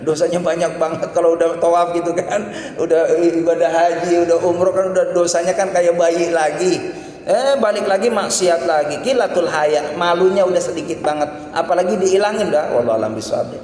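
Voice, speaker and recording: A male preacher delivers a sermon in a high, bright-set voice. He moves between emphatic, raised exhortations and quiet murmured prayers. The sound rings in a large hall with long, booming reverb and faint background noise. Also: a little fast. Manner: colloquial and animated, swinging between high emphatic calls and low murmured prayers. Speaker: Islamic preacher.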